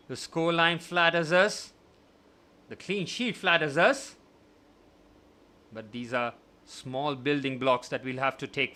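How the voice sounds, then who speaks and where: A young man hosting a live watchalong, giving partisan match commentary that swings from glum musing to excited shouting. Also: mid-range voice. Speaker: watchalong host.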